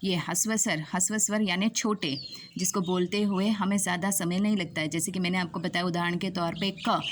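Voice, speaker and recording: A woman teaching a grammar lesson to students, asking questions and slowly repeating each key definition. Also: fairly low pitch, fairly even intonation, slight background noise.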